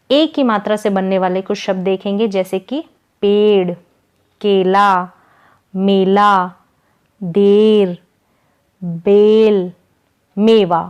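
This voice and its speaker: Woman, teacher, very slow pace, deliberate, sounds out each syllable and word. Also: medium pitch. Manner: slow, deliberate, spells out syllables and example words one by one. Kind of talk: slow, careful Hindi vowel-sign lesson.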